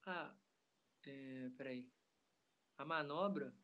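A man, a professional skateboarder talking in a relaxed, rambling way full of slang. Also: mid-range voice, slow pace, highs cut off. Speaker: pro skateboarder guest. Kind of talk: casual interview chat.

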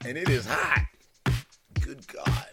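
A man's voice: medium pitch, expressive, slow pace, loud music behind the voice. A man hosting his own podcast from a recording booth with two studio microphones. He chats casually and upbeat, and often checks in with "you know what I'm saying.". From California. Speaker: podcast host. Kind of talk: casual solo podcast monologue. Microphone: two studio microphones, switching between them.

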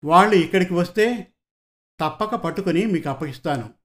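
Male narrator doing a meek young sidekick for an audio story; plaintive and pleading, voice a touch high. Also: animated, brisk, fairly bright tone. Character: meek young male detective assistant, timid.

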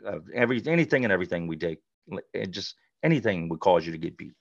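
Middle-aged man, deep gravelly voice, blunt conversational storyteller; dull, dry lo-fi sound. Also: sing-song, fast talker, no room sound. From North Carolina, USA. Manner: blunt, conversational, frequent "like" and "you know". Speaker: podcast guest. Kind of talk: candid personal storytelling.

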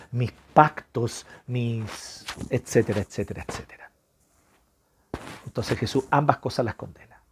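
A man preaching a sermon in a Chilean accent, swinging from loud emphatic lines to hushed, whispered ones. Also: mid-range voice, breathy edge.

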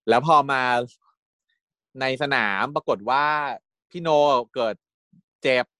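A man chats casually, retelling scenes as an excited fan. He speaks at a middling pitch, animated and gushing. The recording is dry, with no room echo. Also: slow. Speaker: fan recapping a series. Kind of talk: casual chat.

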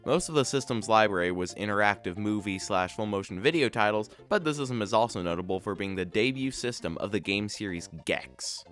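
A man's voice: sits low, a bit bright. A man hosting a podcast, reading scripted explainer narration about video game trivia in a dry, matter-of-fact way. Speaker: podcast host.

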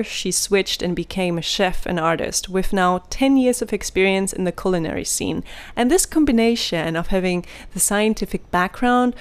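A woman hosting a podcast, telling a story in a lively, giggly way before introducing her guest. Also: lowish voice, clean tone. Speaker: podcast host. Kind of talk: scripted narration.

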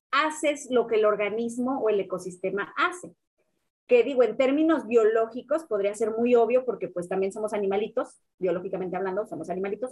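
Chatty Mexican woman explaining, higher voice. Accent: Mexican Spanish. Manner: animated, casual slang, frequent fillers. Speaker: guest expert on biomimicry. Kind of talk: conversational explaining.

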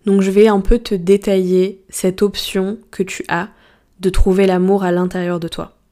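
Woman podcast host and coach, mellow warm tone, informal and slangy, speaks straight to the listener. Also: mid-range voice, flat delivery, moderate pace. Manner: chatty, slangy, addresses the listener directly; asks reflective coaching questions. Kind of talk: casual solo podcast talk.

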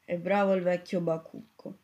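A reader voicing a boastful boy who proclaims himself king, rallying the crowd loudly. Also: medium pitch, little pitch movement, moderate pace, lo-fi sound, lightly acted. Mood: mocking. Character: boastful boy crowned self-made king.

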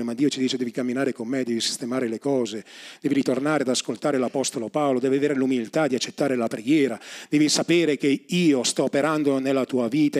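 A man preaching a sermon as pastor, moving from hushed, intimate lines to rising, emphatic refrains. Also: sits high. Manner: repetitive, building refrains. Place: church.

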